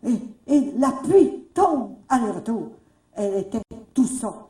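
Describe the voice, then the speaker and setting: A Canadian French woman tells stories to a retreat audience, her mellow, fairly high voice carrying into an echoey room. She is recorded from well back, and she often repeats words and climbs into animated exclamations. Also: slow pace. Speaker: retreat speaker. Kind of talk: storytelling talk. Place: retreat hall. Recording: echoey room, mic far off.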